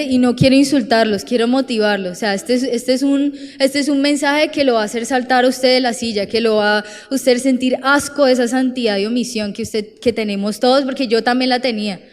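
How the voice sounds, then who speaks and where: Young Colombian woman preaching, high voice. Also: in a large hall. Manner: animated, direct, acts out quoted voices. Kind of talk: sermon. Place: church.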